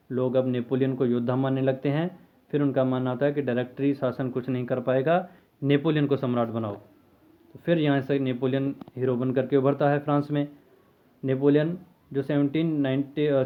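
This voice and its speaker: A man at an ordinary middle pitch talks through a history lesson, posing questions to the class and answering them himself. The sound is thin and narrow, like a phone line. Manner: conversational, asks and answers his own questions. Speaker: teacher. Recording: tinny phone-like lo-fi audio.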